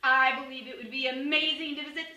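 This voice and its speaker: A woman teacher reading an example friendly letter aloud with excited enthusiasm. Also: high voice, fast talker. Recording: echoey room.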